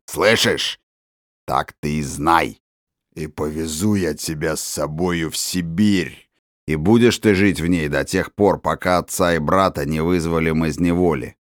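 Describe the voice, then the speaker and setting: A rough, very deep forest villain. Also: male voice, dry recording, clean studio sound. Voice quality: rough, hoarse voice. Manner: gloating, threatening, drawn-out. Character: coarse menacing male forest tramp villain. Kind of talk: audiobook character voicing.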